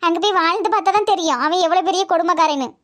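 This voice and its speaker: A woman's voice: very high-pitched, very fast. Woman voicing a scolding Tirunelveli aunt. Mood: lecturing. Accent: Tirunelveli Tamil. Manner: sharp, scolding, keeps saying "ஏட்டி". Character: stern scolding aunt, middle-aged woman. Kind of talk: cartoon voice acting.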